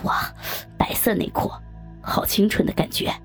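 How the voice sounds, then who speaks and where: A woman voicing a group of crude, boastful young men in a low, gruff put-on voice. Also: moderate pace, soft background music, lightly acted. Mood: leering.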